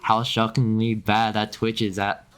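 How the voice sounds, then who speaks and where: A young man chatting on a game stream in a lowish voice. He rambles, leans on filler words, restarts his sentences and keeps breaking into small laughs. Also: level tone, a little slow, a bit bright, clear, resonant tone. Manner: rambling, filler-heavy with frequent restarts and chuckles. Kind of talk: casual chat while gaming.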